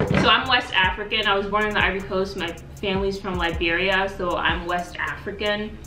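Seated on her living room floor beside the sofa, this twenty-something American YouTuber talks a little fast in a steady, mid-range voice, filling her mukbang chatter with "like" and taking bites between sentences. A distant tripod camera picks her up in a roomy, low-quality recording with music underneath.

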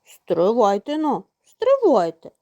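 Woman doing a hardworking little storybook rooster, calm and firm, slow and mellow. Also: a little high, full character voice. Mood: firm, patient. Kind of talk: storybook reading.

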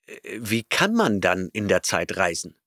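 A man's voice: deep voice, sing-song, a little slow, fairly bright tone, no room sound, studio quality, full character voice. A man reading an audiobook voices a bewildered young man who stammers out hesitant questions. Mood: baffled.

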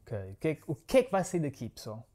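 This music reaction host speaks fast and very animatedly at a fairly high pitch, with background noise audible. Angolan-born and Portugal-raised, in his thirties with a European Portuguese accent, he chats ramblingly to viewers from his living room sofa, fond of saying "né, pessoal".

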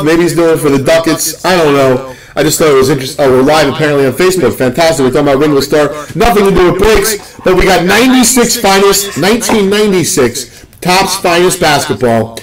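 A young man from the Northeast US hosting a live card-opening stream, rambling and joking with excitement. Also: on the high side, rough recording. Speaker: card break host.

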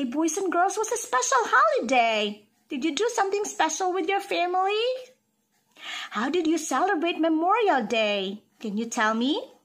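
A woman speaking like a kids show host, teaching young children in an encouraging, sing-song manner with questions and pauses for answers. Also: high voice. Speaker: early-childhood teacher hosting a calendar lesson.

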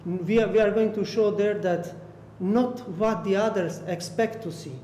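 A young man from Albania whose first language is Romani speaks as an artist panelist in a panel discussion held in an art gallery room. His voice is high-pitched and dark, with a steady tone and a measured pace, and he sounds hesitant, with many repeated words and fillers. He speaks into a stand mic in an echoey hall, and faint noise can be heard.

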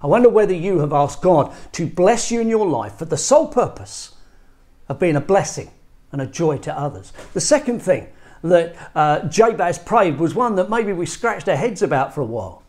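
A man's voice: fairly high pitch, very animated, normal speed, darkish tone. A middle-aged man from England preaching an earnest, emphatic sermon, recorded indoors in a small church room on a lapel mic. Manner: earnest, emphatic, gestures with both hands. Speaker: pastor.

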